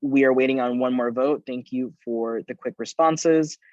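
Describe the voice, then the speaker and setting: Brief: male meeting chair, measured and procedural, dry muffled video-call sound. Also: mid-range voice, dry recording. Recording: dull lo-fi video call audio.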